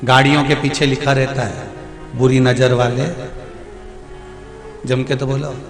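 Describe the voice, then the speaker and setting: A man's voice: mid-range voice, flat delivery, a little slow. A male preacher with a central Indian Hindi accent, giving a storytelling devotional sermon that pleads with and jokes to a crowd. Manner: storytelling, pleading, mixes jokes and rhetorical repetition. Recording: echoey hall with music.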